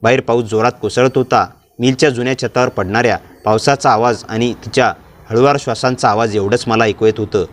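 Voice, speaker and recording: A man's voice: medium pitch, steady tone, brisk. Man narrating a dramatic story. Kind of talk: scripted first-person story narration.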